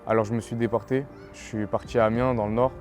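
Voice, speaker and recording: Young man from French Guiana, low voice. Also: fast. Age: 20s. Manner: relaxed, talks plainly with fillers. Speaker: young athlete interviewee. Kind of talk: casual interview. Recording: interview with faint music underneath.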